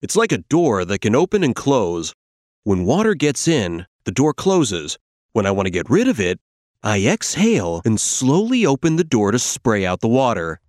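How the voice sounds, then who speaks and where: A man voicing a calm, kindly male elephant firefighter in a children's cartoon, reassuring and cheerful. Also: medium pitch, normal speed, no room sound, studio quality.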